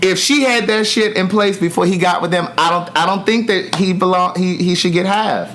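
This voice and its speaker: A man in his forties with a somewhat high voice talks through his views on a casual podcast. He is emphatic and opinionated, often repeating a phrase for weight. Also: moderate pace, crowd noise. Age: 40s. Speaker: podcast host. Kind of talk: casual conversation.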